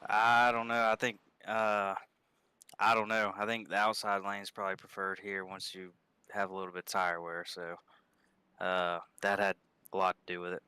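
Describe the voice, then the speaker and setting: A man interviewed as a race driver, answering in halting, hesitant bits with many pauses. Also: sits low, little pitch movement, sharp tone, smooth, no echo. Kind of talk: casual interview.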